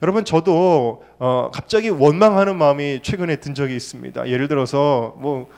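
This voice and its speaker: A man's voice: on the high side, moderate pace, vocal fry, darkish tone. A male pastor preaching a Sunday sermon in church, asking the congregation rhetorical questions and stressing points by repetition. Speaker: senior pastor. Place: church service.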